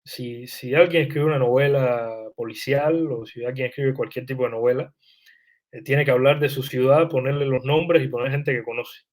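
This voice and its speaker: A man's voice: medium pitch, steady tone, moderate pace, darkish tone. A young man, a writer answering interview questions in a thoughtful, hesitant way, with frequent restarts and fillers. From Cuba.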